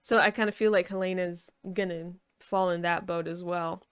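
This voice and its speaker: A woman's voice: on the low side, fairly even intonation, normal speed, clear, resonant tone. A woman giving casual, rambling video commentary, thinking aloud in an informal, hedging way. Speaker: video reviewer.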